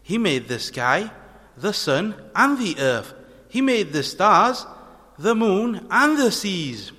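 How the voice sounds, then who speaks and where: A man voicing an earnest young prophet for a children's story, declaiming slowly in wonder. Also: high voice, big pitch swings, bright, forceful tone, pitched above the performer's own voice, full character voice. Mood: triumphant certainty. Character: earnest young male prophet marvelling at the heavens. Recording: long hall-like reverb on voice.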